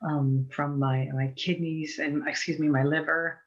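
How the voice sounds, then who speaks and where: A woman's voice: deep voice, fairly even intonation, measured pace. Woman herbalist chatting, keeps restarting sentences, muffled video call sound. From Eastern Europe. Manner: chatty, digressive, many restarts. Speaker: guest herbalist. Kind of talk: informal teaching talk. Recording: muffled online call audio.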